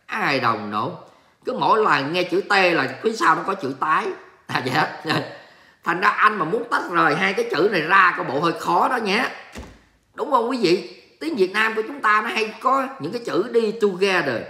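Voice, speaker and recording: Speaking at a moderate pace in a high, sharp, animated voice, a Vietnamese man reads out viewer comments on his casual livestream. He jokes exclamatorily and sprinkles in English words, recording in an echoey room at his home in Texas.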